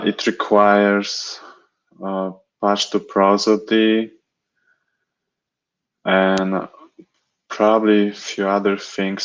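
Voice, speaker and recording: A developer explaining technical work on a video call, slow and hesitant. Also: male voice, low voice, fairly bright tone. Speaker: developer on the team. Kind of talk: casual update on a video call. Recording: dull lo-fi call audio.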